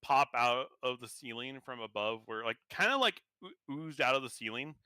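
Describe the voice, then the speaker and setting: A man's voice: mid-range voice, lively intonation, normal speed, pushed and bright, smooth, dry recording, clean studio sound. A man narrating as game master of a tabletop game, rambling with many fillers and restarts.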